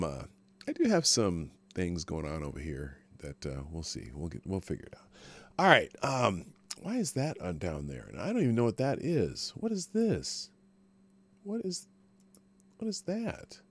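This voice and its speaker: A tired, just-woken man hosting a casual morning livestream, rambling informally. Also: deep voice. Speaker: live show host.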